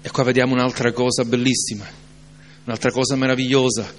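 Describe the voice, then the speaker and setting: A man preaching an evening sermon, moving from calm reflection to loud, emphatic climaxes. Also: mid-range voice, a little hiss or hum. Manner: slow, deliberate delivery.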